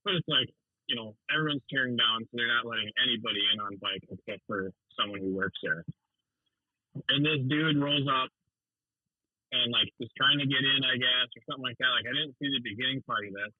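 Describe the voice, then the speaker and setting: A man talks by phone from the road and tells a long, meandering story, with casual swearing and frequent laughter. His voice sounds somewhat husky. The line is muffled and dry, with no room sound. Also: mid-range voice, a little fast, dry recording. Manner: rambling storyteller, swears freely, laughs often. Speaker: suspension tech calling in. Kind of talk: casual phone call while driving. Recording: muffled phone-call audio.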